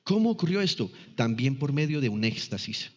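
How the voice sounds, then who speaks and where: A man's voice: mid-range voice, very animated, a little fast, in a large hall, muffled recording. A man teaching a sermon, reading scripture passages aloud and explaining them with pointed questions. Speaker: preacher.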